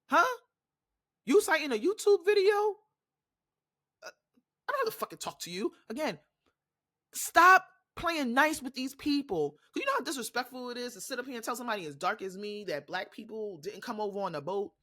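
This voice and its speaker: A woman's voice: on the high side, big pitch swings, a little fast, pushed and bright. A woman with a New York accent hosting a podcast, ranting in a blunt, profane, impassioned way in a casual monologue. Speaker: podcast host.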